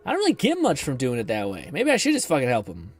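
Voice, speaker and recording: A man's voice: mid-range voice, huge pitch swings, fast talker. A man doing casual live game commentary as a streamer, thinking aloud in an informal, sweary way.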